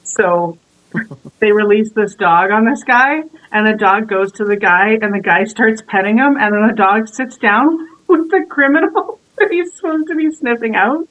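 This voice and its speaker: A woman's voice: mid-range voice, measured pace, a bit bright, poor audio. A woman in casual chat, telling stories with frequent laughter.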